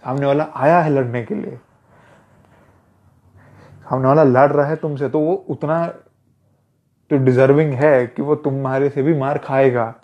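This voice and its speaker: A man with a medium-pitched, fairly even voice talks a little slowly, with long pauses, giving casual self-defense advice as an instructor. He's repetitive and conversational, calls the listener "brother," and the lo-fi recording sounds dull.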